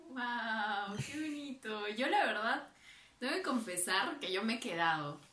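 A woman, hosting a casual chat with enthusiastic, quick reactions. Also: on the high side, lively intonation, bright, forceful tone, echoey room. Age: 20s. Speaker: host.

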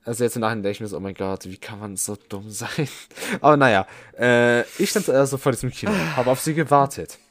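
A man's voice: medium pitch, fast, hardly any pauses, a little hiss or hum. A young man co-hosting a podcast, telling a long story in a rambling way with many fillers. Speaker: podcast co-host. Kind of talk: casual podcast chat.

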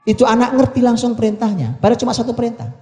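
Mellow preacher in an echoing hall. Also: male voice, very high voice, lively intonation, faint music behind. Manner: repeats phrases and asks the audience rhetorical questions; recites Arabic verses slowly between quick explanations. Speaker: Islamic preacher. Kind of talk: sermon explaining Quranic Arabic. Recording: echoey hall with long reverb.

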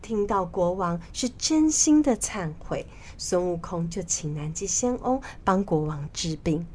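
A woman narrating a children's story in a slow, expressive way with drawn-out pauses. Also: lowish voice, slight background noise.

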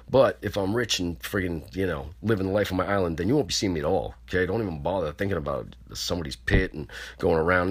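A man's voice: deep voice, breathy edge, no room sound. A man hosting his own podcast, rambling through a crude, mock-boastful comedic monologue. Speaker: podcast host.

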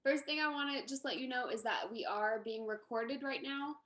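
A woman's voice: high-pitched, normal speed, a bit bright. A woman who works as a music therapist, casually leading a group discussion in a friendly, informal, reassuring way. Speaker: music therapist and panel moderator.

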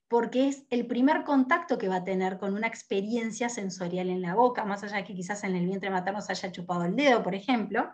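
A woman, a lactation educator giving an earnest teaching talk and often ending points with a questioning tag. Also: mid-range voice. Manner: earnest, steady explaining, frequent questioning tags.

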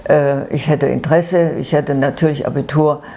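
A sweet old lady in her nineties recounts her life in a dark, mellow voice. She speaks gently and haltingly, often pausing to find the word or repeating what she said. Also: sits low, fairly even intonation. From eastern Germany. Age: 90s. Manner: halting, searching for words, repeating herself. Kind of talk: unscripted personal life story.

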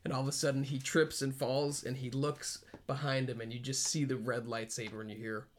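An excitable man co-hosting a casual podcast, rambling through his thoughts with plenty of laughter. His voice sits at an ordinary middle pitch for a man. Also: a little fast, a little hiss or hum. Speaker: podcast co-host. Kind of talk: casual fan chat.

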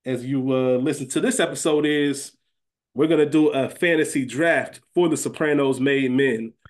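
A podcast host with a mid-range voice chats casually about television at a moderate pace. His talk is informal, slangy, and conversational.

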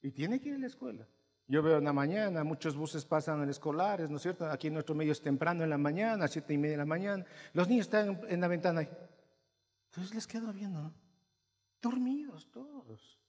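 A male pastor preaching to his congregation, asking them questions and swinging between quiet asides and loud, emphatic bursts. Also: a little high, expressive, a little fast. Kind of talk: sermon. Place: church hall. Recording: long hall reverb.

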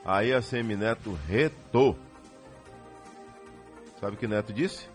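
A man's voice: fairly low pitch, slow, faint music behind. A man with a Bahian accent hosting a radio talk show, mocking and emphatic. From Bahia, Brazil. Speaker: radio host.

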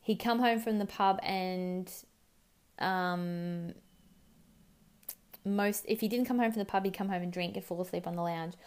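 A woman's voice: lowish voice, unhurried, long pauses, darkish tone, smooth. A young Australian woman telling a personal story candidly. She swears freely and mimics other people's words in short bursts. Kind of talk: personal story told to camera.

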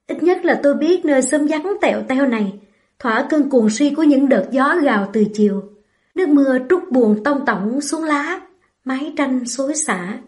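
High-voiced woman reading a sad story. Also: a little mellow. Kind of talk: first-person story reading.

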